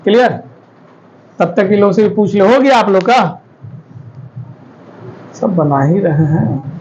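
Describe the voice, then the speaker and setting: Guy teaching a class, high voice, keeps asking if students get it, dull lo-fi sound. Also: slow pace, a little mellow, slight background noise. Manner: explains step by step, checks students often. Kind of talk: classroom lecture.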